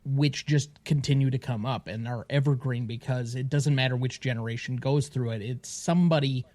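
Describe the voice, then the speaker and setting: A man co-hosting a podcast in casual, wry conversation. His voice sits at a middle pitch. He talks in an easy, chatty way. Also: steady tone, moderate pace, a little mellow. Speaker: podcast co-host. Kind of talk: casual chat.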